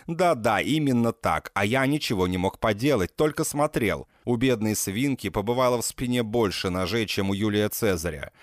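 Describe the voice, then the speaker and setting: A man's voice: fairly low pitch, no echo, clean studio sound. A man reading a first-person novel aloud, with an intense, dramatic and sardonic delivery. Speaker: audiobook reader. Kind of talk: first-person audiobook narration.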